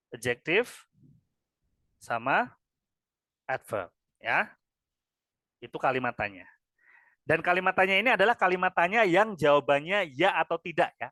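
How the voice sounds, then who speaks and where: Indonesian male teacher, bright and a bit high, patient drilling style, tags phrases with "ya", dry close mic. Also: no echo. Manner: repeats "ya" after each phrase, drills answers with students. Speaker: English teacher. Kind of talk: classroom grammar lesson.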